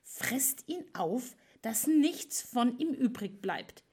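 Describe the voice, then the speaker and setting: A woman's voice: a little high, expressive, takes it slowly, darkish tone, husky, voice pushed up, heavily acted. A woman voicing a jealous, cruel goddess who gives scornful commands to her servants. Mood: imperious.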